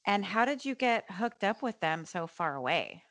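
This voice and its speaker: A woman's voice: medium pitch, sing-song, moderate pace, fairly bright tone, no room sound. A young woman hosting a podcast, chatting casually in a chummy way and laughing a lot. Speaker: podcast host. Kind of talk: casual chat.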